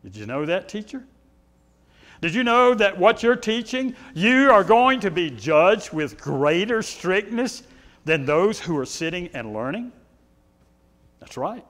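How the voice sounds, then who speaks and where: A middle-aged pastor preaches a sermon in a church sanctuary with a loud, carrying, high voice that swings widely in pitch at an unhurried pace. He paces, gestures and poses rhetorical questions to the congregation, and the sound carries a big-room quality.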